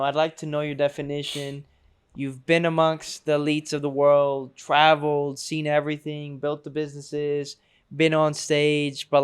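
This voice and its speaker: A man hosting a casual interview, encouraging and quick to agree. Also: fairly high pitch, clean tone. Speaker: podcast host.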